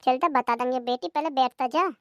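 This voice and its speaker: A woman's voice: high-pitched, fairly quick, smooth, dry recording, highs cut off, lightly acted. Woman doing an elderly cartoon mother-in-law, whiny, self-pitying, dry close sound. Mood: complaining. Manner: whiny lamenting, sighing complaints. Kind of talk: cartoon voice acting.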